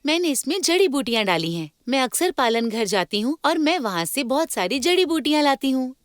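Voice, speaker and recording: A woman's voice: high-pitched, fairly quick, no echo, studio quality. A woman dubbing a playful young woman who teases and explains things with animation. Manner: teasing, animated. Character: lively young woman, playful, makes herbal lipstick. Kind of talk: Hindi film dubbing.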